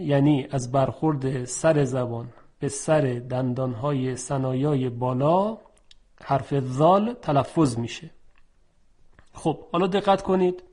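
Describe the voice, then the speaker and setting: Speaking on the high side, this male instructor guides listeners through Quranic recitation pronunciation. Each letter gets a calm explanation, followed by sample words drawn out slowly and repeated twice.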